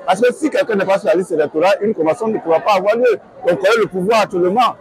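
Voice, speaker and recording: A middle-aged man speaking in a measured way with many hesitations, on a lapel mic at an outdoor rally. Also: high-pitched, rough recording. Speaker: party supporter. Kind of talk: street interview. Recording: lively crowd noise outdoors.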